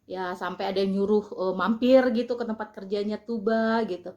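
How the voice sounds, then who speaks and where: An Indonesian woman vlogging in a relaxed, chatty way, explaining things with frequent fillers and pauses. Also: mid-range voice, lo-fi sound. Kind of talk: casual vlog talk. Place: lives in Turkey.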